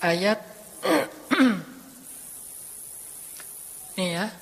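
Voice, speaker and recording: A man giving a casual, storytelling sermon that swings between soft, hushed passages and rising, emotional ones. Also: high voice, very animated, extremely slow, creaky, in a large hall. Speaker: preacher.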